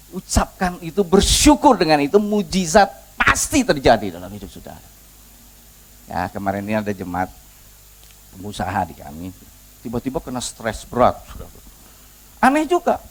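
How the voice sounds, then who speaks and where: A man preaching a sermon as pastor, emphatic and often calling out to the congregation. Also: on the high side.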